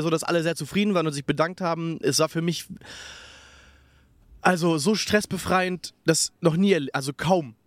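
Young guy cohosting from a camper, lots of ähs and restarts, bit high voice, dry close sound. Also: no echo. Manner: filler-heavy, restarting, upbeat. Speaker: podcast co-host. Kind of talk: casual chat. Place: inside a camper van at a festival.

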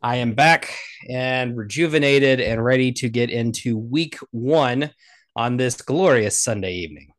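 Man, raspy hoarse voice, medium pitch, casual podcast co-host, conversational storyteller. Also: a little slow. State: hoarse after vacation. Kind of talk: casual sports podcast chat.

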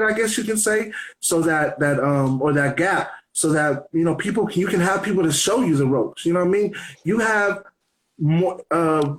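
A man in his thirties hosts a relaxed radio interview. His voice sits a little high for a man, and he rambles and circles back on his own sentences as he talks. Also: low-quality recording. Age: 30s. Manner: loose, rambling, many restarts. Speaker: podcast host. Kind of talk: casual interview chat.

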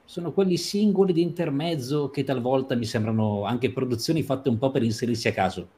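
A man discussing a TV episode on a livestream, talking emphatically and stretching or rushing phrases for stress. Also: medium pitch, mellow. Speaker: series commentator.

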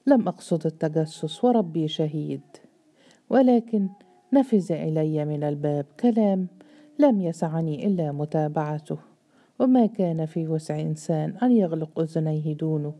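A woman's voice: low voice, expressive, normal speed, mellow. A woman voicing an earnest, loyal woman servant who speaks in a fervent, imploring way.

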